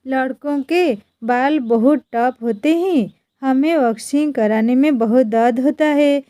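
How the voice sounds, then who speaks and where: A woman's voice: sits high, measured pace, warm tone, no echo, clean studio sound. Meek young husband, as a woman reads him. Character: long-suffering young husband, meek and put-upon.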